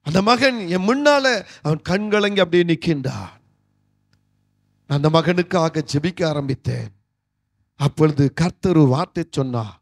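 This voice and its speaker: A middle-aged male pastor, preaching a sermon and rising fervently into loud prayer. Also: fairly high pitch, lively intonation, moderate pace, gravelly, long pauses, no room sound, clean studio sound. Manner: fervent, climbing loud when praying.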